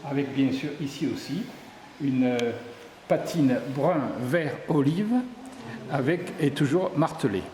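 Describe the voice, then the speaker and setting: This middle-aged man, a sculptor from southern France's Ardèche, explains his craft slowly in an interview, his voice on the high side with a darkish tone. The setting is an exhibition room at a tourist office, and the audio is echoey and reverberant with a faint hum of background noise.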